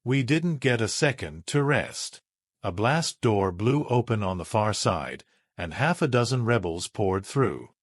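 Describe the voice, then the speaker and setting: A man tells a first-person sci-fi action story in a measured, dramatic way. He takes his time, and his pitch rises and falls freely across each sentence. The recording is dry and close, with no room sound. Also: very animated, no echo. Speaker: narrator.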